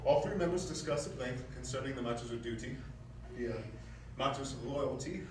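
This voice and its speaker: A man's voice: medium pitch, fairly quick, a little mellow, close to an everyday voice. A man on stage playing a loyal, anxious royal advisor with a deferential, pleading way of speaking. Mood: deferential, grave. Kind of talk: theatrical stage acting. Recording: echoey theatre, distant mic, faint noise.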